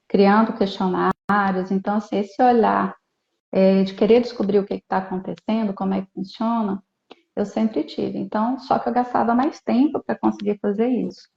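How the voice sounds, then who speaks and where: Calm woman therapist on a dull call. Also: medium pitch, gravelly. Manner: calm, explanatory, frequent "né". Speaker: therapist guest. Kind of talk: live online interview. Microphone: video call. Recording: dull, echoey video call audio.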